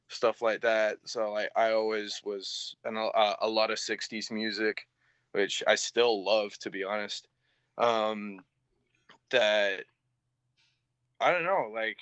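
Interviewed as a guest, this young singer in a band speaks with a mixed English-Canadian accent, stumbling along with plenty of fillers and offhand cursing. His fairly low voice sounds pushed and bright, clean and without room sound, on slightly dull lo-fi audio.

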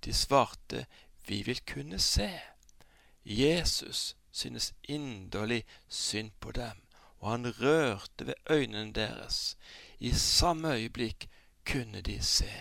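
A man's voice: medium pitch, creaky, a bit bright, dry recording. A man, preaching and praying earnestly on a radio program. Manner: earnest, pleading prayer voice. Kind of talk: radio sermon and prayer.

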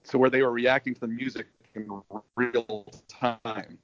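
A middle-aged man speaks as an interview guest over a video call, his voice coming through dull and lo-fi with no room sound at all. He talks at a moderate pitch and tells his stories in an enthusiastic, rambling way. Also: steady tone, a little slow, no echo. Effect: heard over a video call, connection breaking up. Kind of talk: casual interview.

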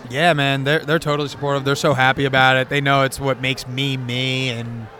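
A man's voice: mid-range voice, flat delivery, brisk, pushed and bright. A man, a comedy creator chatting casually and rambling with lots of "bro" and "man". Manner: laid-back, rambling, says bro and man. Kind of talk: casual chat.

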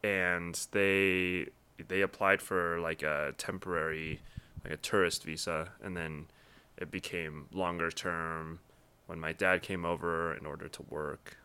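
A young man from Taiwan, a guest in a casual interview, answering in a thoughtful, measured way with frequent pauses. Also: low voice, level tone, sharp tone, clear, resonant tone. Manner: thoughtful, measured, many ums.

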